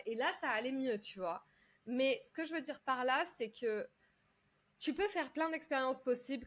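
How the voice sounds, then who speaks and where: A woman from France recounts her past as an interview guest in a fairly high voice. She talks in a loose, lively way, full of fillers and quick restarts. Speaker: guest, public speaking coach. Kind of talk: casual interview storytelling.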